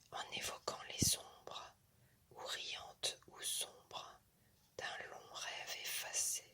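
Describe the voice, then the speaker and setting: A woman whispers poetry very slowly for ASMR, reading classic verse. Her whispering is soft and deliberate, set out in short, measured phrases.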